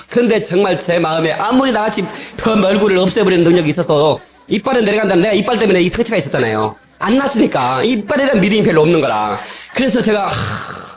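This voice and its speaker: Recorded on an old cassette in a church sanctuary, a man with a high voice preaches a sermon packed with personal testimony. He's an animated storyteller who laughs frequently and performs the voices of the people he quotes.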